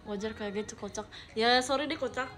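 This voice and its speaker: With soft music in the background, a young livestreamer reads her viewers' messages and jokes with them, sprinkling English words into what she says. Her voice is a little high and a bit bright, and she talks fairly quickly.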